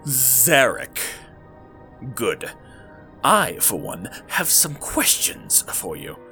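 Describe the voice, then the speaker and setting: A man's voice: medium pitch, wildly swooping pitch, very slow, sharp tone, faint music behind, heavily acted. A man narrating an audiobook, voicing a pot-bellied male senator who talks in a pompous, prickly way. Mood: indignant.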